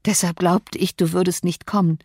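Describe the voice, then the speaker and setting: A woman's voice: on the low side, steady tone, normal speed, a little mellow, husky, no echo. A woman reading an audiobook, voicing a sickly, timid young man who pleads in a breathless murmur. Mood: pleading.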